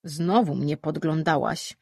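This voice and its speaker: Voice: mid-range voice, unhurried, creaky, darkish tone, slightly rough, dry recording, studio quality. A reader voicing Surim, a blunt, sardonic immortal man, in a fantasy audiobook.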